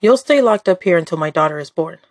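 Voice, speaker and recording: A woman's voice: lowish voice, lively intonation, quick pace, no room sound, clean studio sound. A woman voicing a cruel older male crime boss, curt and commanding, in an audio drama story. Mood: cold menace.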